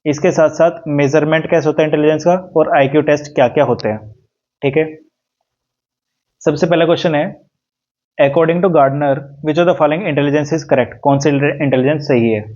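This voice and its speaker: A man teaching exam preparation, reading English questions slowly and explaining each answer step by step. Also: fairly high pitch, fairly even intonation, a little mellow, muffled recording. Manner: reads English questions slowly, explains in Hindi with "ठीक है" and "देखो".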